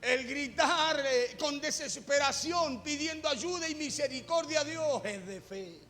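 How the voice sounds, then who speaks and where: A man's voice: very high voice, measured pace, sharp tone, in a large hall, faint music behind. A man preaching a fervent sermon in a church, repeating phrases and calling on his listeners to hear him.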